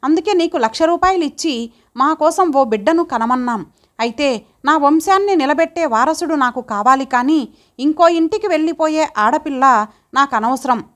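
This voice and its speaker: A woman's voice: high-pitched, animated, moderate pace. A woman voicing a wealthy, stern middle-aged husband who talks in a blunt, commanding way. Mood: curt.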